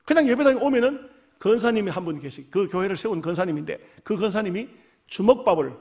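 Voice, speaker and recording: Male pastor, revival sermon, high voice, lively swings from shouting to hushed tones, slight cold. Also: fast talker. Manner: animated storyteller, acts out voices, swings from shouts to near whispers. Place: church.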